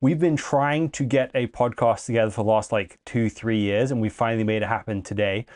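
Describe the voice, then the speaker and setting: A man's voice: lowish voice, fairly even intonation, brisk, darkish tone. A man hosting a podcast interview in a friendly, chatty way, sometimes stammering. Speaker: podcast host.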